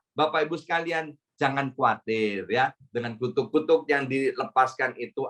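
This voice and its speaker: A man's voice: fairly high pitch, bright, forceful tone. A male pastor giving a church sermon in a chatty, conversational way, often addressing the congregation directly and adding tag questions.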